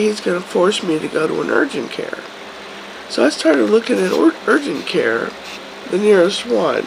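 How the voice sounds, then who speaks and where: Hoarse, congested middle-aged woman, low and gravelly. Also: noisy background. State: sick with a cold, congested and hoarse. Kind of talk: casual vlog chat. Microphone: phone or camera at arm's length.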